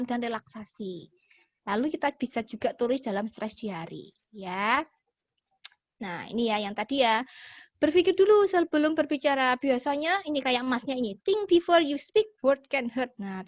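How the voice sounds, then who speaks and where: A woman giving a lively lesson to schoolchildren, acting out little example phrases as she explains. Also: high voice, dry recording. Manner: animated, acts out example phrases. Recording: dull, dry lo-fi sound.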